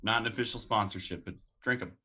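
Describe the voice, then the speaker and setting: A man's voice: on the low side, fast talker, sharp tone. A young man co-hosting a casual sports podcast, laid-back and joking. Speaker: podcast co-host.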